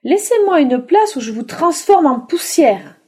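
A woman's voice: high-pitched, sing-song, a little slow, mellow, pitched above the performer's own voice. A woman voicing a spiteful female witch who threatens to turn the others to dust, in a storybook reading. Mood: menacing.

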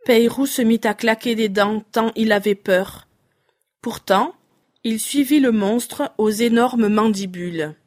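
A woman narrating a children's fairy tale in a slow, deliberate reading voice. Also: on the high side, darkish tone. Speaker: storyteller.

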